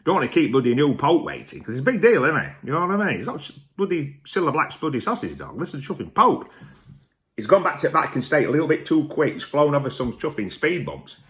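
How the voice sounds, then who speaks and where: A man's voice: a little high, big pitch swings, fast, fairly bright tone. A man hosting a show in a boisterous, sweary, rambling comic rant to camera. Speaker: host.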